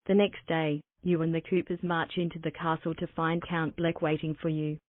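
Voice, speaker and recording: A synthetic female voice narrating a text adventure story in an even, mechanical way. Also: medium pitch, normal speed, no room sound. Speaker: narrator of the game's generated story. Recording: thin, phone-like dry synthetic audio.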